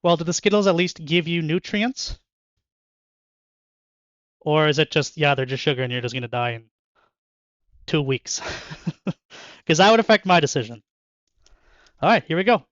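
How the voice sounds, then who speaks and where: A man's voice: a little high, lively intonation, normal speed, long pauses, fairly bright tone, dry recording, lo-fi sound. A young man chatting casually and joking with viewers while opening card packs in his bedroom, laughing often. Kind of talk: casual chat with live chat. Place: bedroom at home.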